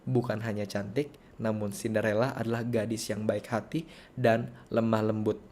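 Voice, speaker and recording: A man's voice: moderate pace, a little hiss or hum, close to an everyday voice. A man voicing a dull storyteller reading a fairy tale in a lifeless way. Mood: bored. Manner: flat, low and quiet, lifeless. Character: dull, monotone storyteller who bores children.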